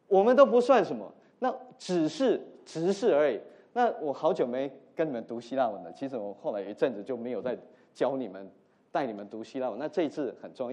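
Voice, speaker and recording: Male pastor mid-sermon: lively pitch, mellow tone, alternates loud emphasis with quiet asides. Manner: animated preaching, swinging between loud emphasis and soft asides; mixes English words into his teaching.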